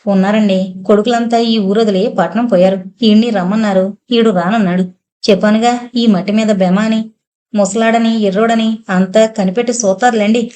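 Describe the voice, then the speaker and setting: A woman's voice: mid-range voice, fairly even intonation, moderate pace, warm tone, lightly acted. A woman voicing a chatty, deferential village servant man who speaks in rustic dialect.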